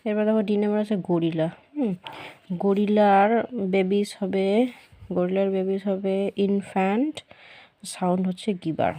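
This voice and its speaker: A woman teacher, explaining a children's workbook lesson patiently and repeating the answers slowly. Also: mid-range voice, flat delivery, warm tone.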